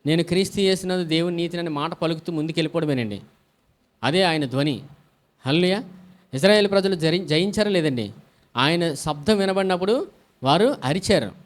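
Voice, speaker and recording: A man's voice: a little high, animated, a little fast, pauses often. A male pastor preaching a sermon, asking the congregation questions, answering them himself and calling out hallelujah often. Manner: call-and-response preaching with frequent hallelujahs.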